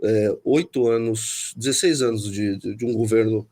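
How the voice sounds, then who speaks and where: A São Paulo man with a Paulistano Brazilian Portuguese accent speaks as a guest in a political interview, his voice fairly low and a little mellow. Thoughtful, he thinks aloud, pauses to find words, and restarts his sentences often.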